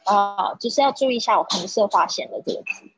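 A woman's voice: mid-range voice, fast, dull audio, music in the background. A woman teaching an online English vocabulary class, reading each word twice and explaining the sounds patiently.

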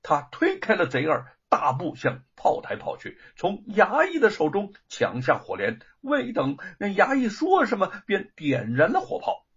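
A man narrating a historical story in a dramatic, expressive audiobook style. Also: high-pitched, a little slow, hardly any pauses, slightly rough. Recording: dull lo-fi recording.

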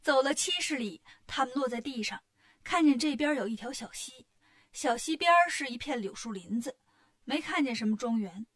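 A woman with a fairly high voice narrates a classic tale for children. Her telling is lively and expressive, rising and falling to carry the story along. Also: moderate pace.

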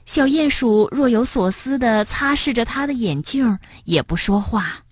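A woman reading a children's story aloud, gentle and expressive. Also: on the high side, moderate pace, breathy edge, no room sound.

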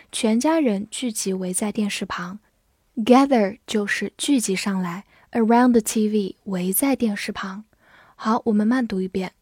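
Slow, careful woman teaching English words. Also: medium pitch, a little mellow, no room sound, clean studio sound. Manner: spells words letter by letter and reads example sentences slowly. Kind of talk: vocabulary lesson.

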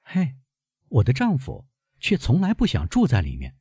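A proud young noblewoman, as a male narrator puts her on, her voice lifted well above his own, pressing with coaxing questions. The sound is husky and bone dry, with a restless, swooping pitch. She comes from a storybook reading. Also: huge pitch swings, normal speed, warm tone, dry recording, full character voice.

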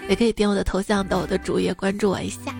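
A woman hosting a comedy podcast, reading jokes in a teasing way and jumping to high, excited tones on the punchlines. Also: very fast, gravelly, music in the background. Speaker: host.

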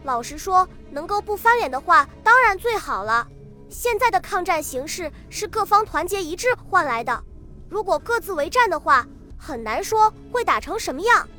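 A woman's voice: very high voice, sing-song, moderate pace, sharp tone, soft background music, heavily acted. A woman reading the lines of a confident, dismissive older male official in a novel, speaking in a self-assured, offhand way.

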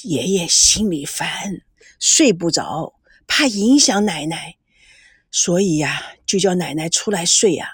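A woman voicing a gentle, long-suffering grandmother who soothes in a soft, slow, hushed voice. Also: fairly low pitch, animated, breathy edge, no room sound, clean studio sound, voice pushed down, exaggerated voice. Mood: soothing.

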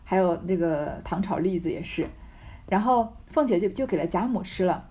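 A woman's voice: on the low side, lively intonation, normal speed, warm tone. A woman reading and explaining a classic novel in a casual, chatty way, asking her listeners rhetorical questions.

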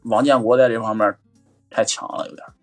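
A man's voice: medium pitch, level tone, fairly quick, soft background music. A man co-hosting a casual talk podcast about a comedy show, chatty, swearing casually and laughing as he talks. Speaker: podcast co-host. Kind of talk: casual chat commentary.

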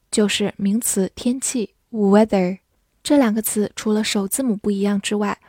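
A woman who is a Chinese-speaking English teacher, patiently spelling words letter by letter and reading example sentences slowly. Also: medium pitch, dark tone, no room sound, clean studio sound. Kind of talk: vocabulary lesson, spelling and slow read-alongs.

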